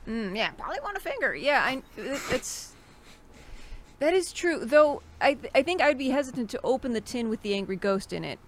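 A woman on a panel chatting casually, reasoning things through in a dry, measured way. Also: high-pitched, expressive, slight background noise. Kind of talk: casual comedic chat.

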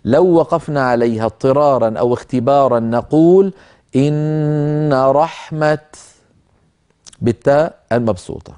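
Measured Arabic lesson, mellow male teacher. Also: medium pitch. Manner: measured, explanatory, chants verses slowly. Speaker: Quran recitation teacher. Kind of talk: lecture on a tajweed poem.

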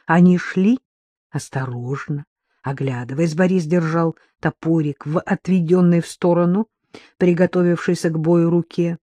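Measured audiobook narrator, dark tone. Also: medium pitch, steady tone, no room sound.

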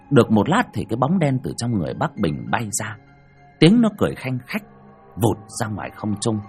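A man narrating a village ghost story in a vivid, expressive way. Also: on the low side. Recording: soft music behind.

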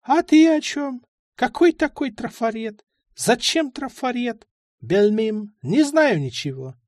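Old male addict figure voiced by a man, sly, rambling, high-pitched, shouting, dry close recording. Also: lively intonation, no echo, full character voice. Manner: high-pitched, shouting, halting strange phrases. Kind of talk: audiobook character voice.

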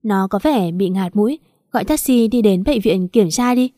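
A middle-aged woman passerby gives calm, matter-of-fact advice, read by a woman narrator in an audiobook. The voice is warm and mellow in a dry, close recording. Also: medium pitch, moderate pace, dry recording, natural voice.

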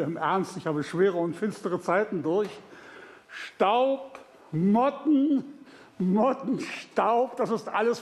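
A male actor playing an aging, grandiloquent former theatre director who bursts into shouting. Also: sits high. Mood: pompous. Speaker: stage actor. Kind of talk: stage acting. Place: theatre stage. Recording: echoey theatre stage.

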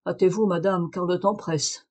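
A woman reader voicing a calm, authoritative male detective in a French audiobook, measured and firm. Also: fairly low pitch, slightly rough. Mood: brisk commanding. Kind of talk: audiobook reading of a detective story.

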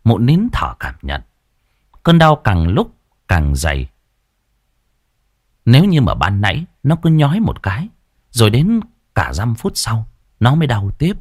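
Man, ghost story narration, expressive, animated pitch, dry close recording. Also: a little slow, long pauses, slightly rough, no room sound.

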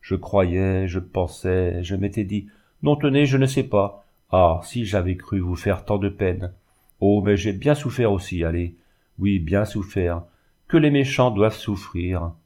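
A tender old village schoolmaster, put on by a man reading a storybook, speaking in broken, pleading phrases and then forcing cheer into his voice. He sounds higher and louder than the reader's own telling, in a dark, mellow timbre. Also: a little slow. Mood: remorseful.

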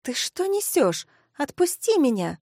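A woman doing a shrill, gushing young woman. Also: very animated, unhurried, dark tone, dry recording, clean studio sound, heavily acted. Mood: panicked. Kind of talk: audiobook character voice.

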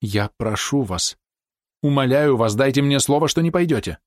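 Man voicing a young woman, frightened, imploring, urgent, hushed, raised pitch, dry close sound. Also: brisk, dry recording, natural voice. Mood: urgent pleading.

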